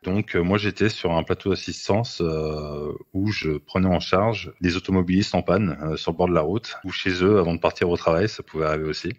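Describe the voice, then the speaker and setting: A low-voiced man gives recorded testimony as an interviewee who is an assistance worker. He speaks briskly with hardly any pauses, yet hesitantly, with many fillers and restarts, and the lo-fi recording sounds dull.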